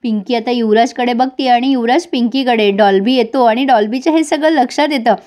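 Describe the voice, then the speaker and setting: A woman's voice: on the high side, a little fast, a little mellow. A woman retelling a TV serial episode for viewers, speaking to them directly and switching between narration and the characters' lines.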